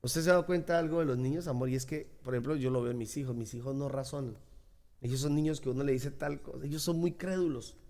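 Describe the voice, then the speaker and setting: A man's voice: medium pitch, fast talker, darkish tone. A man preaching a sermon as pastor, emphatic and repeating key phrases.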